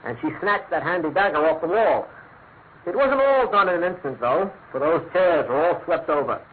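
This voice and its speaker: An actor playing a chatty, self-assured British police inspector in a radio mystery, talking in clipped, matter-of-fact phrases. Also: male voice, a little high, animated, moderate pace, natural voice. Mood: confident, genial. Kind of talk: classic radio mystery drama acting. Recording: tinny, noisy old radio recording.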